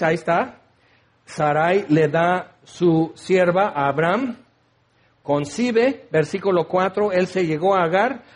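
Brief: high-pitched male preacher, animated and joking sermon. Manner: animated and humorous, acting out scenes.

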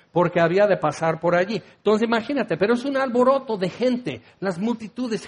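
High-voiced pastor, jokey and rambling. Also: male voice. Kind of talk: sermon.

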